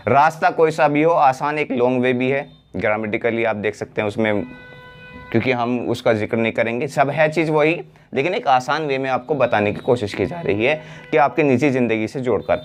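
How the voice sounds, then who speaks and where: A man teaching a spoken English lesson, explaining step by step, repeating phrases slowly and asking rhetorical questions. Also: medium pitch, faint music behind. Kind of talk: classroom-style spoken lesson.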